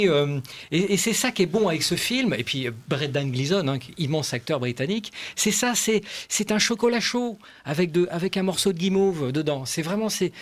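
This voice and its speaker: A man's voice: a little high, fairly bright tone. A man reviewing a film on a talk show, enthusiastic and gushing as he tells a story. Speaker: film critic. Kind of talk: radio film review chat.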